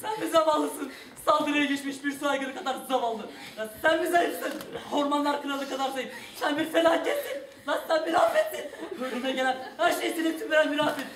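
Actor playing a flustered bank manager, high-pitched, quick stage delivery, far-off echoey recording with audience laughter. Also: male voice, big pitch swings, a bit bright, slight background noise, full character voice. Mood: ranting. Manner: theatrical stage acting, blustering. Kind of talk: stage play performance. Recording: distant stage mic, roomy, audience laughter.

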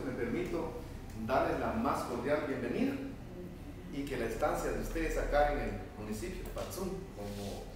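A middle-aged man, a town mayor, giving an informal welcome speech, hesitant and full of fillers, filmed by a far camera in a meeting room. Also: fairly high pitch. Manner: hesitant, many fillers and tag questions. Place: medium indoor meeting room. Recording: echoey room, noisy, from far off.

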